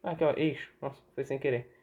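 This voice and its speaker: A man's voice: mid-range voice, steady tone, quick pace, darkish tone. A young Brazilian man giving a casual online lesson, chatty, asking and answering his own questions. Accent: Brazilian Portuguese. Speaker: teacher. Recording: tinny phone-like audio.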